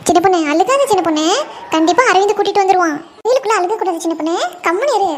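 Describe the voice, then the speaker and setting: Woman doing squeaky high fast-talking cartoon aunties, gossipy sing-song chatter. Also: lively intonation, slight background noise. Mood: consoling. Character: chatty village aunties and young wife, several women. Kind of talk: animated cartoon voice acting.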